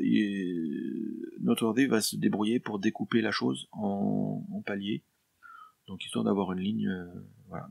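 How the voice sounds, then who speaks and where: A French composer explains his work at home in an easy, informal way, full of fillers and restarts. His voice sits low and has a gravelly edge. The sound is close and dry, with no room around it. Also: dry recording. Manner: chatty and explanatory, with frequent fillers and self-corrections; addresses the viewer informally, jokes lightly. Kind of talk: casual screen-share tutorial vlog. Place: home, during lockdown.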